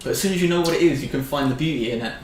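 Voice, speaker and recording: Bloke hosting a casual food review, bit high voiced, roomy echo. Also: male voice, racing. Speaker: snack review host. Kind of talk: casual chat, snack review. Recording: echoey room with background noise.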